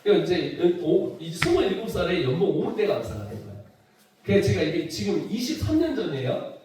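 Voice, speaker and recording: A man in his fifties from South Chungcheong, preaching a lively testimony sermon and acting out voices. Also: high-pitched, a little fast, a little hiss or hum. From South Chungcheong, Korea. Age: 50s. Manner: animated storytelling, acts out voices, laughs often. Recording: echoey hall, far from mic.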